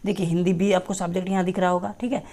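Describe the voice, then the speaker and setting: A woman's voice: fairly low pitch, flat delivery, very fast, mellow. A woman teacher goes through a class syllabus on screen, checking in with listeners again and again. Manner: repetitive, checks in with "theek hai". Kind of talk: screen-share syllabus walkthrough.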